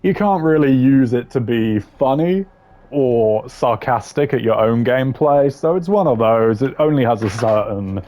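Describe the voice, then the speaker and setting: Here a man talks at a measured pace in a medium-pitched, dark voice, and the highs are cut off. In his role as a gaming video creator, he ranks game voice lines with blunt, informal, slang-filled opinions.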